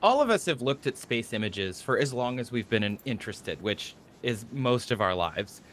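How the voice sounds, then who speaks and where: A man in his thirties tells a story in casual panel chat, his pitch leaping lively and wide. He acts out his own quotes with animation. A faint hiss runs under it. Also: moderate pace.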